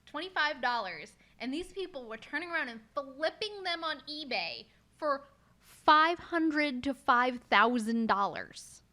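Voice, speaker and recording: A woman's voice: high-pitched, pushed and bright. A woman co-hosting a casual chat show, talking loosely with lots of fillers and swearing. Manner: chatty, swears, many fillers. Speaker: podcast co-host.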